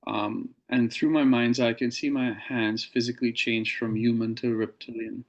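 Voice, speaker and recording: A man as an interview guest, recounting a personal experience in a measured, earnest way with pauses. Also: medium pitch, flat delivery, muffled recording.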